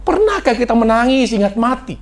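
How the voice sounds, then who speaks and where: Animated male preacher giving a sermon. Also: extremely high pitch, fairly quick. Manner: dramatic, swinging from loud exclamations to hushed near-whispers.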